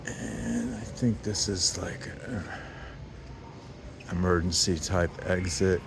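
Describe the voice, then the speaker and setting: A man with a deep, slow voice and vocal fry walks through an indoor train station, giving an unscripted, casual tour. He sounds hesitant, thinking aloud as he goes, and the busy station around him is very noisy.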